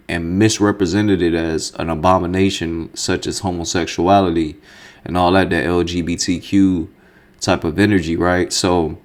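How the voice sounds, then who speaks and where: A man hosting a reaction video, talking in a casual, slangy way and swearing freely. His voice sits a bit low. He sounds animated and openly incredulous.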